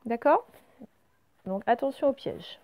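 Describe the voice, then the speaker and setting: A woman teaching a recorded reading lesson to young children. She explains each word slowly and clearly, step by step. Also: on the high side, animated, muffled recording, a little hiss or hum.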